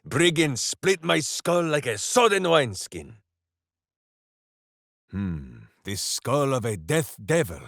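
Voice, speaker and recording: A huge, righteous, simple-hearted warrior from a fantasy video game, boisterous, brawny, and devoted to his hamster, delivers voice lines slowly and bombastically with enormous pitch swings. His gravelly, slightly bright voice declaims quaint phrases in an earnest, hearty, heavily acted way. The recording is very dry and close.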